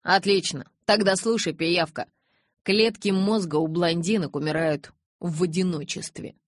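A woman's voice: fairly low pitch, fairly even intonation, measured pace, no room sound, studio quality. A woman reading an audiobook, voicing a cocky young werewolf man with sarcastic, teasing speech. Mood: mocking. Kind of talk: audiobook character voice.

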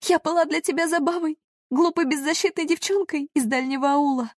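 A woman voicing a heartbroken young woman who pleads in a high, tearful voice. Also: fairly quick, dry recording, clean studio sound, lightly acted. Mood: pleading.

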